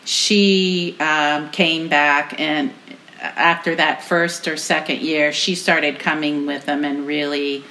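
A woman's voice: low-pitched, fairly even intonation, takes it slowly, bright, forceful tone, low-quality recording. A woman chatting casually in a matter-of-fact way, filling in details of a story. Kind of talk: casual conversation.

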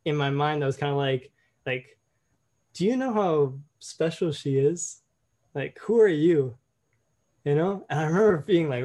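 A man's voice: on the high side, darkish tone. A young man casually and reflectively sharing a personal story, often saying "you know".

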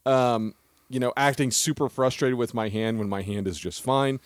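Podcast guy chatting casually, animated, laughs a lot, dry close mic. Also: medium pitch, normal speed, dry recording. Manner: animated, laughs often, self-deprecating. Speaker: podcast co-host.

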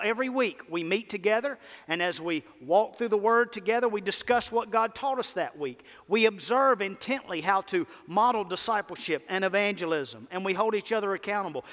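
A male pastor with a Mississippi drawl delivers a sermon in a high-pitched voice. He is emphatic, repeating key phrases and pausing deliberately, and his words ring with the long reverb of a big hall. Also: fairly bright tone. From Mississippi, United States. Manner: emphatic, repetitive, with deliberate pauses and call-and-response. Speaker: pastor preaching. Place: large church hall, preaching to a congregation.

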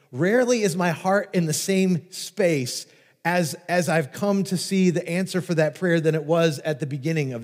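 A pastor preaching a sermon, telling stories with lively restarts and repetitions. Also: male voice, fairly high pitch. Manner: animated storytelling with repeated restarts. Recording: long reverb of a large hall.

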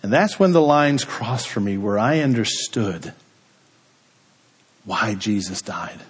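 A man preaching a sermon, slow and deliberate, letting his voice drop low and quiet at the end of each phrase. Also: animated, husky. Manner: slow, deliberate delivery with dramatic drops in pitch and volume at phrase ends. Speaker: pastor.

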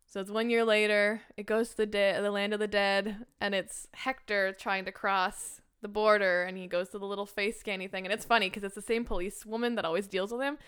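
A young woman co-hosting a podcast, retelling a film in a casual, emotional way and jumping into high-pitched quoted voices. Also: level tone, a little fast, hardly any pauses, fairly bright tone, clear, resonant tone. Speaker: podcast co-host. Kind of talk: casual chat recapping a film.

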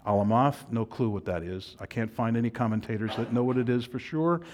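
An older man, a pastor, preaching a sermon in a folksy, halting way with many restarts. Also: mid-range voice, lively intonation, darkish tone, slight background noise. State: out of breath.

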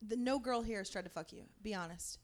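A woman's voice: mid-range voice, quick pace. A woman hosting a casual chat, asking direct, probing questions.

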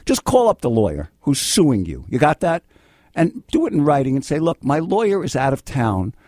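An American man with a fairly high, highly animated voice hosts a call-in radio show. He is blunt and exasperated, drilling his advice home by repetition. The sound is dry and close. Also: normal speed, no echo. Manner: blunt, exasperated, scolding, repeats himself. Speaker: radio host and lawyer giving call-in legal advice. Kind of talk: live talk radio advice. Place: radio studio.

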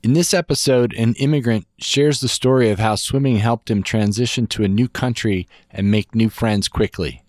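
A man hosting a podcast, giving a calm, measured scripted introduction. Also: lowish voice, no room sound, studio quality. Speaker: podcast host. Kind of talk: scripted narration.

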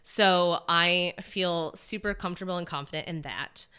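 A woman's voice: lowish voice, normal speed, bright, forceful tone, smooth. A woman in her twenties, a podcast guest talking about her acting career in an earnest, rambling way, full of likes and restarts. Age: 20s. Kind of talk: casual podcast interview.

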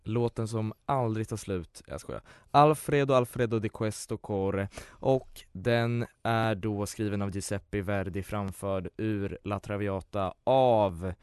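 A man's voice: on the low side, fairly even intonation, few pauses, darkish tone, clean tone, no echo, studio quality. A man co-hosting a casual chat, joking in a blunt and crude way. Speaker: podcast co-host.

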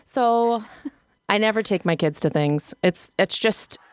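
A middle-aged woman from South Dakota co-hosting a podcast, telling a rambling, animated story with frequent laughs and restarts. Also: medium pitch, takes it slowly, dry recording. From South Dakota, United States. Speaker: podcast co-host. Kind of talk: casual podcast chat.

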